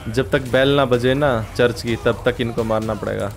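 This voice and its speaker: A man giving live gameplay commentary, swinging from casual chat to panicked yelling during fights. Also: medium pitch, fairly even intonation, normal speed, gravelly, soft background music. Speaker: gaming streamer.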